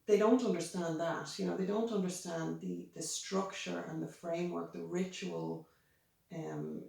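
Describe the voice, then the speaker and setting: Irish woman interviewer chatting casually, really gravelly fry, big echo, mic is far off. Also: lowish voice, fairly even intonation, unhurried, mellow. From Ireland. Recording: very echoey room, distant mic.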